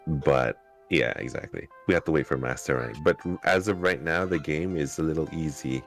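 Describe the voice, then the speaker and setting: A man's voice: a bass voice, moderate pace, faint music behind. A man chatting casually about video games on a podcast, often repeating words as he restarts. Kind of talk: casual gaming chat.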